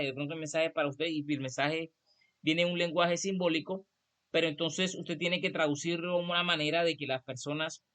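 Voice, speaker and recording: A man calmly teaching a church class, explaining and correcting himself as he goes. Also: a little high. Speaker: teacher of a prophetic school class.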